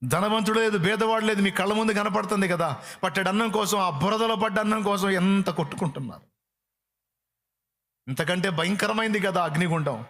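A man preaching a sermon, impassioned, swinging from loud appeals to hushed pleading. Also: high voice, a little fast.

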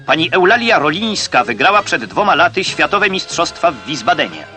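A man reads an old 1960s newsreel, his voice pitched a little high and delivered crisply and declaratively. He adds a wry touch now and then. Clear music plays behind him throughout. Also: very animated, brisk. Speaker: newsreel narrator.

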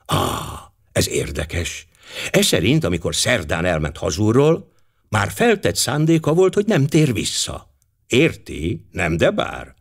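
A man voicing a fastidious, courteous male detective in an audiobook, formal and measured. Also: lowish voice, wildly swooping pitch, creaky, breathy edge, heavily acted. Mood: courteous questioning.

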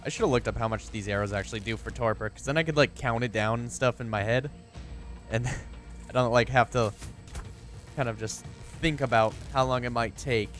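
A man casually commenting on his own gameplay, chatty and excitable, talking to his viewers and to the animals in the game. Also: mid-range voice, fairly quick, soft background music. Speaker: gameplay streamer.

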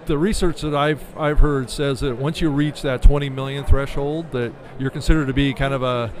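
A middle-aged man, a podcast business manager appearing as an interview guest, explains things conversationally and often checks in with "right?". His medium-pitched voice has fairly even intonation at a moderate pace. He's at an indoor convention expo booth speaking into a desk-stand studio mic, with crowd noise around.

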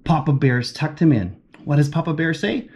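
Reading a picture book to kids, this man keeps his slightly high voice at an ordinary pace and delivers it with lively energy, regularly asking the children questions along the way.

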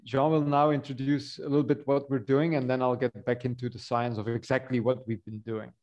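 A middle-aged man from Belgium giving an online conference talk over a video call, relaxed and rambling with many fillers. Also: medium pitch, brisk, lo-fi sound. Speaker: university yeast researcher presenting.

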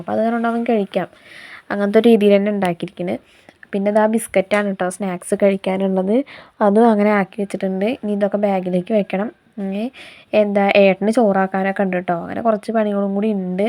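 A woman vlogger with a slight head cold, chatting in a homely way and explaining each step as she narrates her morning cooking routine. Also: medium pitch. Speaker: vlogger and homemaker. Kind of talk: casual day-in-my-life narration while cooking.

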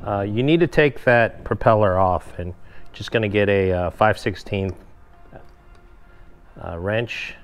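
A kayak fishing vlogger casually walks viewers step by step through an install in his garage workshop, speaking straight to them in a relaxed, hands-on tutorial. His fairly low, smooth voice moves at a measured pace with frequent pauses, over soft background music.

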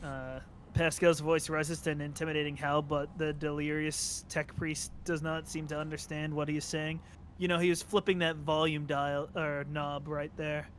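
Male game master, fairly high voice, reads scene text between casual asides. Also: flat delivery, normal speed, a bit bright, a little hiss or hum. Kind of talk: narrating a tabletop game.

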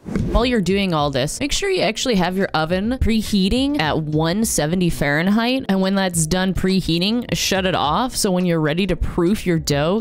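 A young adult woman giving step-by-step instructions as an informal, playful voice-over. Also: fairly low pitch. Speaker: vlogger giving a recipe.

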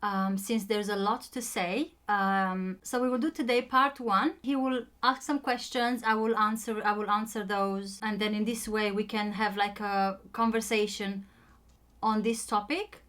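A woman's voice: medium pitch, steady tone, unhurried, fairly bright tone. A young woman with a Romanian accent, a native Romanian speaker telling her own story in a casual chat, hesitant and full of ums and restarts.

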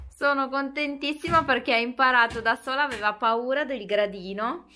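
This time her voice is high-pitched and sharp. She's a young mother vlogging at home with a handheld camera in the kitchen and living room, casually chatting with viewers and explaining things.

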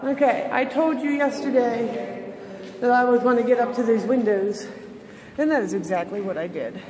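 A woman's voice: a little high, normal speed, dark tone. A woman vlogger narrating casually while exploring an abandoned tunnel, talking straight to viewers. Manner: chatty, addresses viewers directly. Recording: echoey tunnel, noisy camera audio.

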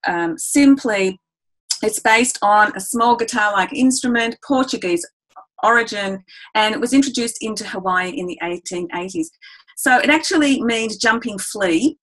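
A woman's voice: a little high, a bit bright, low-quality recording. A woman teaching a ukulele webinar, chatty and enthusiastic, showing the instrument as she explains. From Australia. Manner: enthusiastic, chatty, addresses listeners as "guys"; demonstrates on the ukulele while talking. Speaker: music educator.

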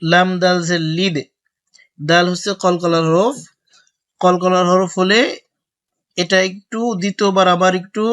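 A man teaching a spelling-out Quran lesson, mixing slow drawn-out recitation with brisk explanation. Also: sits high, fairly bright tone. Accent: Bangladeshi Bengali.

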